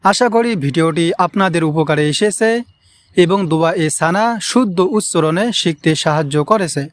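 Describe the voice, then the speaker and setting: Speaking at a normal pace with a fairly high pitch, a man teaches careful pronunciation of an Arabic prayer. As a Quran recitation teacher, he gives a slow lesson, patiently repeating words and drawing out the long vowels of the recitation for his learners.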